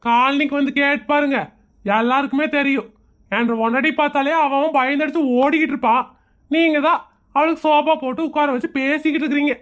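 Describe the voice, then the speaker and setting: Comedy skit: man as sarcastic, fed-up husband, high-pitched voice, Kongu Tamil accent, argumentative and mocking. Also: fairly even intonation, fast, a bit bright. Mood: exasperated complaining. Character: exasperated, sarcastic husband who mocks everyone around him.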